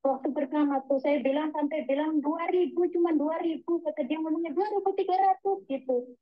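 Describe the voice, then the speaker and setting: A woman with a high voice tells her story over a tinny phone line. She rambles and keeps coming back to the same little filler words. She is a domestic helper working abroad, calling in to tell what happened to her. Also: steady tone, brisk. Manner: rambling, repeats "gitu" and "Miss". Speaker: migrant domestic worker caller. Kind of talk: telling her story on a call.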